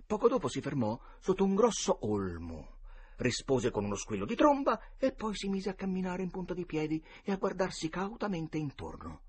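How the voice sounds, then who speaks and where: A man reading a children's classic aloud with expressive narration. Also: high-pitched, normal speed, breathy edge. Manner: animated, dramatic. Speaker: audiobook narrator.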